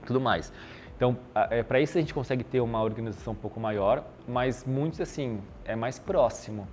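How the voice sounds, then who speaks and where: A man's voice: mid-range voice, fairly quick, a little hiss or hum. A man with a Brazilian Portuguese accent, a podcast guest talking casually about his marketing job, with lots of fillers. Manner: relaxed, explanatory, lots of fillers.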